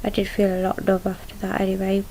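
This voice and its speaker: A young woman giving a casual video diary in a subdued, halting way, recorded indoors at home on a device at arm's length. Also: mid-range voice, completely flat delivery, mellow, a little hiss or hum. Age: young adult. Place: small room at home, indoors.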